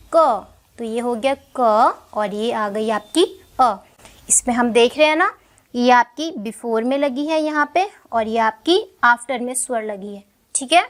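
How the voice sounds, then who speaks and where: A young woman teaching a shorthand lesson step by step, patiently asking questions and answering them herself. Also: sits high. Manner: slow, patient, checks in with "ठीक है" often.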